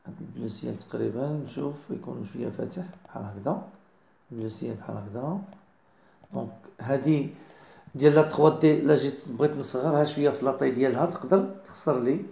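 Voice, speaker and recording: A man with a Moroccan accent giving a software design tutorial, mixing in French words and often checking that viewers follow. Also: mid-range voice, fast talker, vocal fry, reverberant. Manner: mixes French into explanations, keeps checking understanding. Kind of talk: screen-recorded software tutorial.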